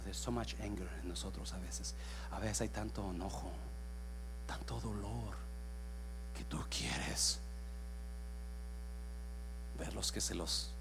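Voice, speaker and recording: A male pastor, preaching a bilingual sermon that swings from shouting to hushed whispers and slips into English phrases. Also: on the low side, gravelly, a little hiss or hum.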